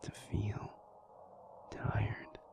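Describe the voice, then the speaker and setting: A man portrays a protective, tired yet tender alpha werewolf for an intimate audio roleplay. His words come softly and with hesitation, breathy, low and frequently whispered, in a slow and soothing manner.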